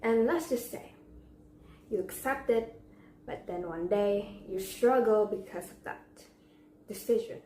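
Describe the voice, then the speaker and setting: A young woman delivers a memorized contest speech in a deliberate, theatrical way, with pauses and rhetorical questions. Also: medium pitch, mellow. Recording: echoey room with faint background noise.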